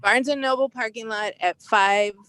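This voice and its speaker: A woman's voice: on the high side, moderate pace, fairly bright tone, clean tone, dry recording. A woman calling into a meeting by car speakerphone while driving, apologetic and eager to help. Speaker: arts commission member. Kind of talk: casual meeting talk.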